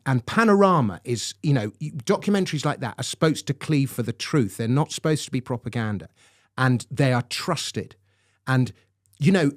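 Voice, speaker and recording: A man's voice: mid-range voice, dry recording. A man speaking as a guest commentator in a studio discussion, indignant and emphatic.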